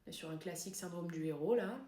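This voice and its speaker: A woman playing a deadpan soft-spoken therapist. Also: fairly low pitch, quick pace, echoey room, lightly acted. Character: calm, dry female psychotherapist, mildly sardonic. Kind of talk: comedy sketch.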